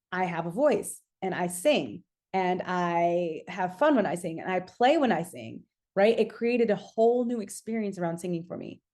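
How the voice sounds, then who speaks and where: On her casual motivational podcast, a singer-turned-coach speaks to listeners with emphasis, returning to key phrases and checking in with them, and voicing her own thoughts as if quoting them. Her voice is on the low side and a little mellow.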